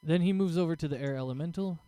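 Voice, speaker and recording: A man's voice: on the high side, fast, warm tone, smooth, dry recording. A man acting as game master, casually narrating a tabletop role-playing game.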